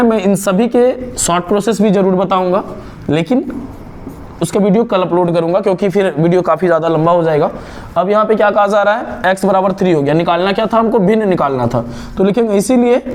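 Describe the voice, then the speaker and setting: Slight background noise sits under this high-voiced young man from India. He walks through a math problem one step at a time, speaking slowly and asking himself questions before answering them.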